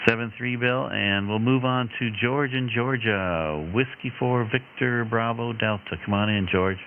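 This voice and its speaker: A man's voice: mid-range voice, unhurried. A man acting as net controller on amateur radio, taking check-ins with procedural jargon and call signs. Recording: crackly muffled radio audio, heavy noise.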